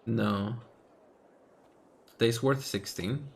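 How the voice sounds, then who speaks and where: A man's voice: medium pitch, drawn-out words, gravelly, husky. A man hosting a casual let's play, chatting and joking with a laugh while reading game text aloud.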